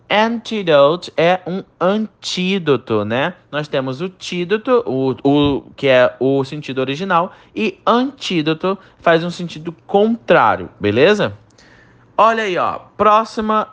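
A man teaching an English lesson online, a native Portuguese speaker, lively and drilling each English word slowly for the learner to repeat. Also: fairly high pitch.

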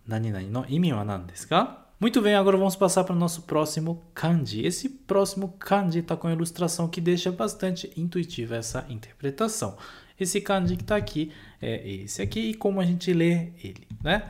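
A man teaching an online language lesson. He checks in often with quick tag questions and repeats example phrases slowly. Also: a little high, a little mellow. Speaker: Japanese teacher.

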